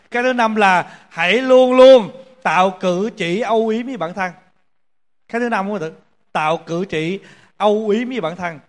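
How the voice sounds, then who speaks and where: A Buddhist monk gives a casual sermon in a high voice. He tells everyday stories with laughter and acts out the people in them. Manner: lively storytelling with laughs and acted asides. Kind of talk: casual Buddhist dharma talk.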